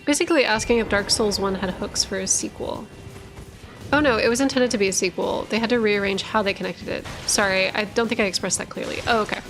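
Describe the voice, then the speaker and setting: A woman's voice: mid-range voice, quick pace, over music. A woman hosting a livestream, chatting casually with viewers in a rambling way, full of filler words and self-corrections, tired after hours of streaming. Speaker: streamer and lore channel host.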